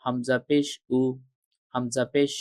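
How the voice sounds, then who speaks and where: A man teaching Arabic letter pronunciation, repeating each sound slowly and carefully, with patient classroom explanations. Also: medium pitch, flat delivery, a little mellow, dry recording, clean studio sound. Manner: drills each sound three times with careful articulation. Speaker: Quran reading teacher. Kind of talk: slow, deliberate recitation lesson.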